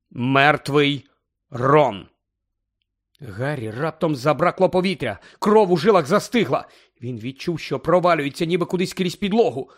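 Expressive man narrating a storybook. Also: a little high. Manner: dramatic, shifting tone with the story. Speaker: audiobook narrator.

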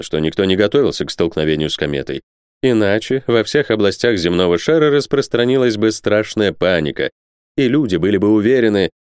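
A man reading a novel aloud as an audiobook narrator, with expressive delivery. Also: on the low side, clear, resonant tone, no room sound, clean studio sound. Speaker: audiobook reader. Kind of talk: scripted narration.

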